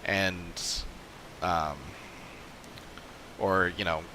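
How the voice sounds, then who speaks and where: A man with a low, flat voice speaks extremely slowly while live-streaming an online role-playing game. He rambles casually and unscripted as he thinks aloud, with background noise and game music.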